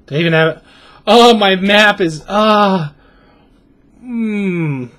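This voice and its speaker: A middle-aged man streaming a horror game, muttering nervously and excitedly with frequent exclamations in casual commentary. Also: high-pitched, slow. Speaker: gaming streamer.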